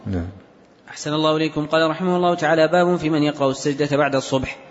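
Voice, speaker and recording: A male student reads hadith text to his teacher at great speed and never breaks the flow of the narrator chains. His voice is slightly high. A long hall reverb surrounds him, and the sound is dull. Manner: brisk, unbroken recitation of narrator chains. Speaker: student reader. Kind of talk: rapid reading of hadith text.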